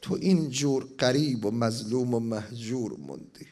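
A man's voice: mid-range voice, darkish tone. A man preaching a mourning sermon, reading an elegy and chanting it, at times rising to impassioned cries.

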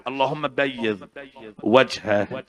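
A man preaching an emotional mourning sermon, moving between hushed, tender passages and loud, chanted lament. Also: mid-range voice.

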